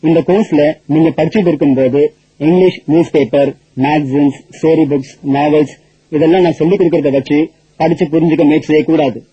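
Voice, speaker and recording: A man teaching English in a husky, somewhat raised voice, mellow in tone. He drills each point with repeated questions and answers. The recording is dull and lo-fi, with a dry, close sound. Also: a little high, fairly even intonation, fast, no room sound. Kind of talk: spoken English lesson. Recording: dull lo-fi audio.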